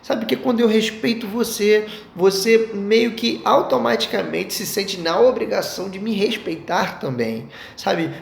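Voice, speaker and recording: A man's voice: high voice, a little slow, creaky, hardly any pauses. A young Brazilian man teaching a Sunday school Bible lesson, chatting with the class and asking it rhetorical questions. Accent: Brazilian Portuguese. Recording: echoey room with faint noise.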